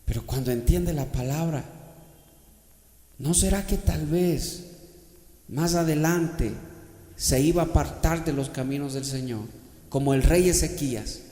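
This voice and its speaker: High-voiced preaching man in echoey church. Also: unhurried, long pauses. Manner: preaching with surges into shouting, then dropping to soft speech; addresses the congregation as brother, asks them to repeat after him. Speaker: pastor. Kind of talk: sermon. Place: church sanctuary.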